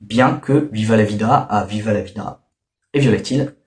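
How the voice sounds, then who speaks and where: A man's voice: lowish voice, moderate pace, darkish tone. Grumbling man reviewing albums in an echoey room. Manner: grumbling, hesitant, many fillers. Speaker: music reviewer. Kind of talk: casual review commentary.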